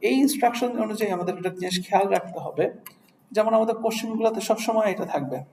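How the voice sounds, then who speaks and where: A man's voice: sits high, very fast, darkish tone. Bangladeshi man teaching in an echoey classroom. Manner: asks the class frequent checking questions; mixes English words into Bengali. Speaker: English test teacher. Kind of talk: classroom lecture. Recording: echoey room, faint noise.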